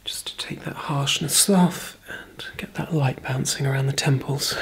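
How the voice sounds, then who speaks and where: A woman in her thirties performing a fast whispered role-play as a brisk, chatty makeup artist, murmuring softly close to the microphone. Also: extremely low pitch. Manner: fast, breathy ASMR whispering and soft murmuring. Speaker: ASMR performer.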